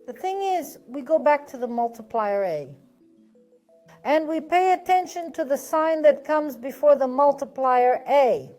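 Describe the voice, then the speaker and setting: Soft background music accompanies a woman teaching math patiently and methodically, one step at a time. Her voice is high-pitched, animated, and dark in tone, and she speaks at a measured pace. She frequently poses questions and answers them herself.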